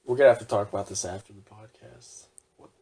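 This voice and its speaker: A man's voice: lowish voice, steady tone, quick pace, mellow, husky, low-quality recording. A young man co-hosting a podcast in casual chat, joking and acting out comedy bits. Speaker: podcast co-host.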